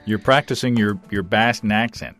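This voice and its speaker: A man's voice: fairly low pitch, normal speed, a bit bright, soft background music. A man hosting a podcast, reading listener notes aloud in an easygoing, chatty way. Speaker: podcast host.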